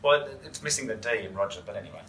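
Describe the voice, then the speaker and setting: A man's voice: lowish voice, racing, fairly bright tone, recorded from a distance. A man hosting a casual interview, talking with many ums and restarts and a dry humour. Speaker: interview host. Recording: roomy, echoey sound from off-mic.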